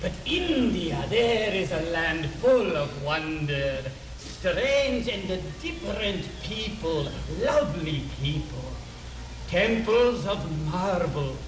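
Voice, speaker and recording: An actor playing a mysterious, suave stage magician with a courtly, mystical fortune-teller manner in a period drama. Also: male voice, sits high. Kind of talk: theatrical period drama acting. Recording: noisy, roomy, distant film soundtrack.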